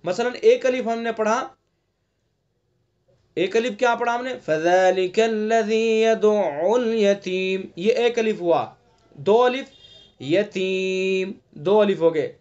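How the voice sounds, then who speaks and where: A man teaching an online Quran recitation class, patiently explaining how each letter is sounded and chanting verses slowly with long drawn vowels. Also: high voice, darkish tone, muffled recording. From India. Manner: patient step-by-step explaining, checks "ٹھیک ہے؟".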